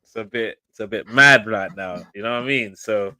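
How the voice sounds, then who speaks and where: A man, a guest pundit in casual football banter, slangy and animated and laughing often. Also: fairly low pitch, normal speed, clear, resonant tone, dry recording.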